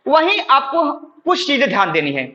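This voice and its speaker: A man's voice: very high-pitched, wildly swooping pitch, moderate pace, bright, forceful tone, highs cut off. A man teaching Hindi grammar for exams. He asks questions and answers them himself, keeps saying "ठीक है", and explains step by step while addressing viewers as friends. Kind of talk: exam-prep classroom lesson.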